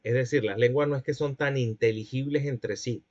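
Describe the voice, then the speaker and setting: A man's voice: medium pitch, steady tone, moderate pace, darkish tone, lo-fi sound. A man giving a classroom lecture, explaining points and checking that students follow.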